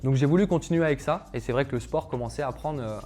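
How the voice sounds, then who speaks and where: Talking fast in a mellow, mid-range voice, a young man who coaches calisthenics shares his own story on camera. He's casual and chatty, leaning on lots of fillers and speaking directly to his viewers.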